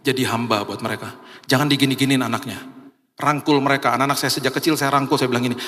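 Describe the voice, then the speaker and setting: A man's voice: fairly even intonation, fast, a bit bright. A man preaching a sermon as pastor, telling a story and acting out the people in it. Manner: storytelling, acts out quoted voices with big pitch jumps. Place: large church hall. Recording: long hall reverb.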